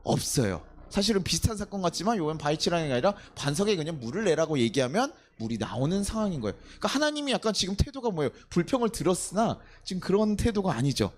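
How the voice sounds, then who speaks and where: 활기차게 설교하는 남자 목사. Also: male voice, high voice, big pitch swings, fast, hardly any pauses. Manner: conversational preaching, asking the congregation questions and acting out quotes. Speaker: pastor. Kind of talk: sermon at a night worship service.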